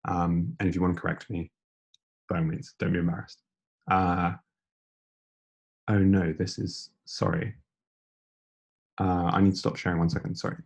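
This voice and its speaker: A young man giving an informal online lecture, speaking in a hushed near-whisper as quietly as possible, breathy as if losing his voice. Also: low-pitched, flat delivery, moderate pace, long pauses. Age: young adult. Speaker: debating lecturer.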